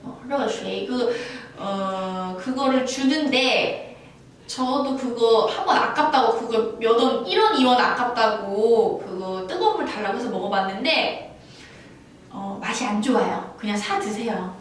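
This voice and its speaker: A woman's voice: on the high side, animated, measured pace. A woman giving a casual language lesson, chatty and playful, acting out little scenes as she explains phrases. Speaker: Chinese language teacher. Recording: roomy, from a distance, faint background noise.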